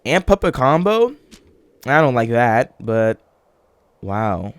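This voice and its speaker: A young man with a groggy morning voice giving rambling, halting commentary while playing a game, full of fillers and restarts. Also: medium pitch, very animated, clear, resonant tone, dry recording. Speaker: gaming channel host. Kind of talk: casual let's-play commentary.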